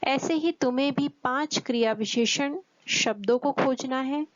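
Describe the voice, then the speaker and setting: A woman teaches young students with a slow, careful delivery. Her voice sits somewhat high, and she stops often to ask the class questions. The recording is dull and lo-fi, with no room echo. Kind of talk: Hindi grammar lesson for children.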